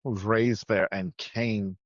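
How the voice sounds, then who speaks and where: A man from Trinidad and Tobago, who moved to the US at age nine, tells his story as a podcast guest, speaking conversationally and emphatically and repeating phrases for weight. His voice is lowish and fairly even, and he takes his time. The lo-fi recording sounds slightly dull, with no room sound.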